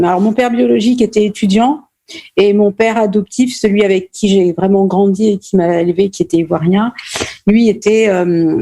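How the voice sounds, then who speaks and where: A middle-aged playwright and stage director from Normandy, France, answers interview questions thoughtfully, pausing and restarting often. Her voice is medium-pitched and mellow, with vocal fry.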